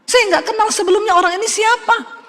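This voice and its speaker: A woman's voice: extremely high pitch, fairly even intonation, a little fast, a bit bright, in a large hall. A middle-aged woman pastor preaching a sermon. She talks in an emphatic, conversational way and speaks straight to the congregation.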